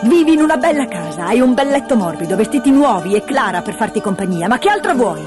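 A woman voicing a strict, stern middle-aged governess in a storybook reading, speaking in sharp, clipped scolding tones. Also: on the high side, very animated, quick pace. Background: background music.

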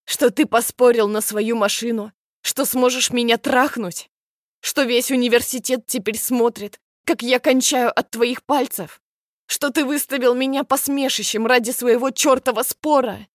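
A woman's voice: fairly high pitch, flat delivery, moderate pace, no room sound, studio quality, natural voice. A woman voicing a heartbroken, betrayed young woman in an audiobook, whose voice breaks through tears. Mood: furious. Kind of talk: audiobook character voice.

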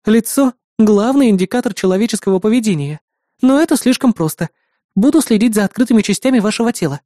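A man voicing a poised young film actress who speaks in a cool, measured and probing way in an audiobook. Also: sits high, lively intonation, warm tone, dry recording, studio quality, voice pushed up.

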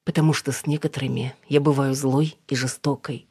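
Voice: medium pitch, little pitch movement, brisk, a little mellow, husky, no room sound. A reader voicing a stern, guarded businesswoman who answers in curt, clipped lines.

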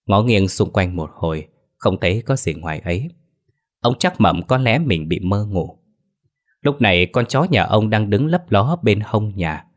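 A man reading a ghost story aloud in a measured, suspenseful way. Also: fairly low pitch, expressive. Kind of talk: scripted ghost story narration. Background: faint music.

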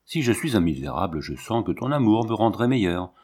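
A jealous, obsessive young villain from a storybook, pressing his point with low, intense insistence, as a male reader does him. The voice is deep and steady. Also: brisk, breathy edge.

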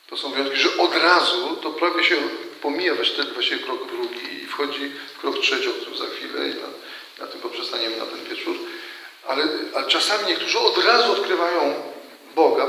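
A man's voice: medium pitch, far from the mic. A man, a priest, giving an earnest retreat talk, telling a story with frequent restarts and repeated words. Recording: very echoey hall, faint noise.

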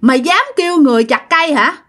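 A woman voicing a menacing old woman ghost with a Southern Vietnamese accent, speaking harshly and quickly. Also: very high voice, big pitch swings, sharp tone, pitched above the performer's own voice, full character voice. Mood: furious threatening. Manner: harsh, rapid, threatening.

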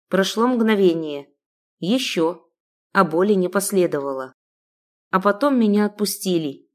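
A woman's voice: on the low side, a little mellow. Woman narrating a dramatic novel. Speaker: audiobook narrator. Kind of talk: first-person novel narration.

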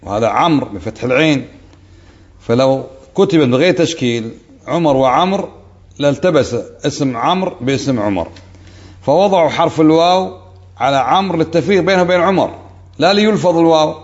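A man's voice: a little high, lively intonation, brisk. A man teaching a religious lesson, explaining texts and slipping in light humorous anecdotes. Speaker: sheikh teaching a hadith book. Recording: dull lo-fi lecture recording.

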